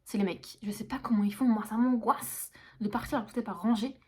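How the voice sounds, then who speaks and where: A woman's voice: a little high, steady tone, fast, mellow, breathy edge. Chatty young woman vlogging. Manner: chatty, slangy, many fillers. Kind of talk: casual vlog chat to camera.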